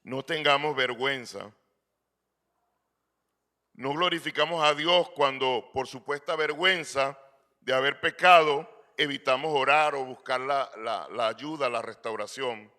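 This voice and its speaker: A man's voice: mid-range voice, a little slow, pushed and bright. A middle-aged man preaching a sermon in earnest, asking rhetorical questions and calling his listeners brother. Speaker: pastor.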